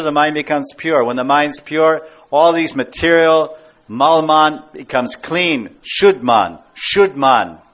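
A man's voice: a little high, a bit bright. A man giving a devotional class as a spiritual teacher, emphatic and given to repeating key words and phrases. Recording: dull lo-fi recording.

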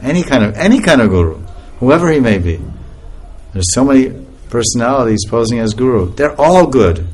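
A man with a medium-pitched voice talks fairly quickly, giving an informal spiritual talk to a group. He tells stories in an animated way and laughs often.

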